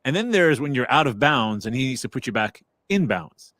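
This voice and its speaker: A man's voice: mid-range voice, very animated, brisk, fairly bright tone, dry recording, studio quality. A man co-hosting a casual religious chat, speaking reflectively as he recounts memories of his teachers. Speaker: co-host, Islamic teacher.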